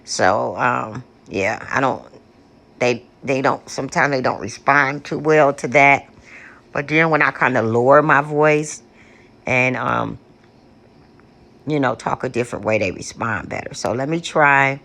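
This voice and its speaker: Speaking with a low, coarse voice and some vocal fry, a paranormal vlogger sits outside on her front porch. She slowly and gently pleads with spirits, repeating her hushed calls, and chats casually with viewers in between, all recorded on an external mic.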